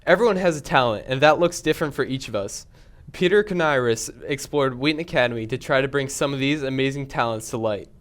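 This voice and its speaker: A man's voice: mid-range voice, quick pace, hardly any pauses, a bit bright, a little hiss or hum. A young man casually anchoring a student news show.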